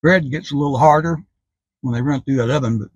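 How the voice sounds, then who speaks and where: A man's voice: medium pitch, quick pace, breathy edge, no echo, lo-fi sound. A man casually taste-testing a sandwich on his food vlog, chatting between bites. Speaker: food reviewer.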